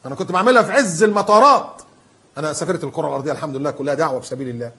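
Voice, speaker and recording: Rapid-fire, husky Egyptian preacher. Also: male voice, a little high. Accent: Egyptian Arabic. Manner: animated, emphatic, acts out the people he quotes. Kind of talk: colloquial sermon.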